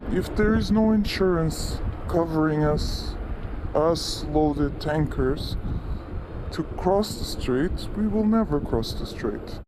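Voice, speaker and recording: A tanker officer in a news interview clip, his voice electronically altered and deepened to hide his identity. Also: animated, background noise. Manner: slow, measured delivery.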